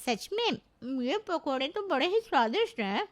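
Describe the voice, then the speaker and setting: A woman's voice: high voice, sing-song, normal speed, voice pushed up. A woman voicing a chatty middle-aged family friend who speaks in a friendly way.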